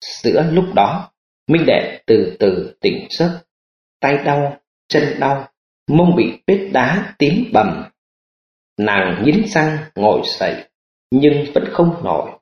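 A man narrating an audiobook in an expressive storytelling manner. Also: medium pitch, takes it slowly. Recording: roomy lo-fi audiobook recording.

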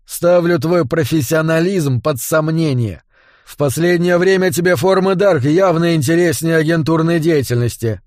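A man voicing a gruff, commanding male boss who lectures his agents sternly. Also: fairly high pitch, normal speed, a little mellow, no echo, clean studio sound, lightly acted. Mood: lecturing.

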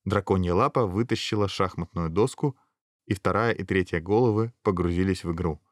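A man reading a fairy tale aloud in a measured storytelling voice. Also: sits low, no room sound, studio quality. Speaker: narrator.

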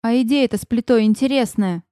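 A woman voicing a calm, measured young male fairy mage who speaks slowly and deliberately. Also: fairly high pitch, smooth, no room sound, clean studio sound, voice pushed down, lightly acted. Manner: slow, deliberate speech.

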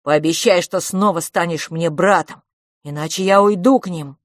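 A woman's voice: lowish voice, moderate pace, no echo, studio quality, close to an everyday voice. A woman voicing Franciscus, a frightened and loyal boy who pleads urgently and tearfully. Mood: pleading.

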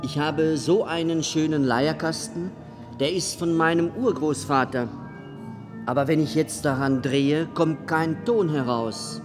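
A man's voice: a little high, a little slow, natural voice. A man playing a poor, anxious old barrel organ player, talking in a pleading way. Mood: sad. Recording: long reverb with faint music behind.

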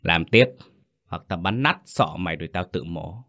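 A man's voice: low voice, animated, normal speed, vocal fry, pushed and bright, heavily acted. A man voicing a brutal male gangster boss who barks harsh threats in a horror story. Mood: threatening. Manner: harsh, barking orders.

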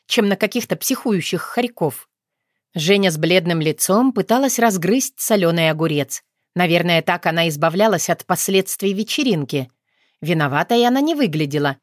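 A woman reading a novel aloud as audiobook narrator, measured and unhurried. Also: lowish voice, dry recording, clean studio sound. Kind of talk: scripted narration.

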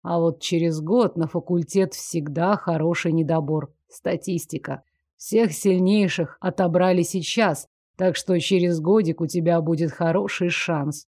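Woman doing a low-voiced lordly man, slow, patronizing, dry close recording. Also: steady tone, mellow, no echo. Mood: assured. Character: calm self-assured nobleman, gently commanding. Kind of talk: audiobook character voice.

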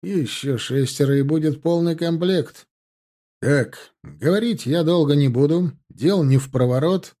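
A man voicing a gruff veteran cavalry officer who grumbles and lectures his platoon in a storybook reading. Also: fairly high pitch, a little slow, mellow. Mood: earnest. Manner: grumbling, earnest.

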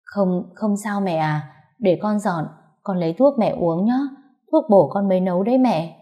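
A woman voicing a patient young daughter-in-law who coaxes her sick mother-in-law softly. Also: medium pitch, normal speed, close to an everyday voice. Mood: coaxing. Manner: soft, coaxing, pleading.

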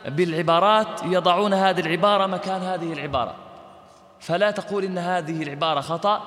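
A man teaching Quran recitation in a lecture, explaining step by step, checking that students follow, and slowly chanting example verses. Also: fairly high pitch, fairly bright tone, roomy sound, in a large hall.

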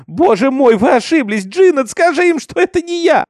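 Frantic young servant girl begging for mercy, very high and shrill , put on by a male narrator. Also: big pitch swings, moderate pace, no echo, clean studio sound. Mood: pleading. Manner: shrill pleading cries. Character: young woman servant accused of witchcraft, desperate.

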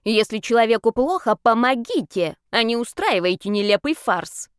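A woman's voice: on the high side, lively intonation, normal speed, clean tone, dry recording, studio quality, natural voice. A woman voicing a stern old man who lectures reproachfully.

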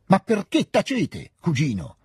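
A man reading aloud, voicing an angry proud elder princess who shouts in fury. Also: lowish voice, sing-song, fairly quick, gravelly, slightly rough, no room sound, clean studio sound, exaggerated voice. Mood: furious.

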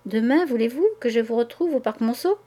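Brief: woman reading impassioned young lover, hushed and pleading, storybook reading. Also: a little high, lively intonation, fairly quick. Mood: ardent pleading. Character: passionate young man declaring his love.

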